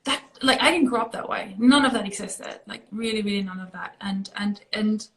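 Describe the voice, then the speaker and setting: A woman's voice: mid-range voice, fairly bright tone, low-quality recording. A woman from Austria with an Austrian German accent, hosting a casual interview and talking in a chatty way full of fillers. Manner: chatty, heavy with fillers like "like" and "you know". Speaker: host.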